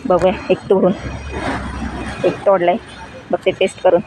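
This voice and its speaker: A woman chatting excitedly to her viewers in a casual vlog, filmed outdoors on a handheld phone. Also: on the low side, moderate pace. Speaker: vlogger. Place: outdoors by a road, in fields and at a temple. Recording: loud crowd and traffic noise outdoors. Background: loud crowd chatter and vehicle noise.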